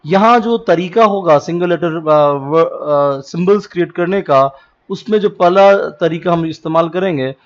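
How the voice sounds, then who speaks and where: A man's voice: on the high side, measured pace. A male teacher with a North Indian accent lecturing in a classroom style, mixing in English terms and spelling letters out one by one. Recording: dull lo-fi recording.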